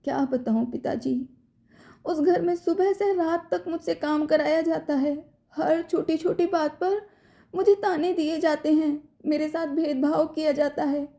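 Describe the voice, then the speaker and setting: A woman's voice: high-pitched, animated, moderate pace, voice pushed up. A woman voicing an angry, stubborn young wife who speaks sharply and defiantly. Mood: tearful. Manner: sharp, defiant, later tearful.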